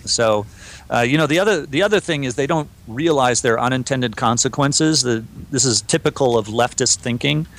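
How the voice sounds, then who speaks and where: A man co-hosts a podcast with a voice of ordinary pitch. He talks through the topics in a loose, conversational way and reads listener emails aloud. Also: moderate pace, a bit bright. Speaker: podcast co-host. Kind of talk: casual podcast discussion.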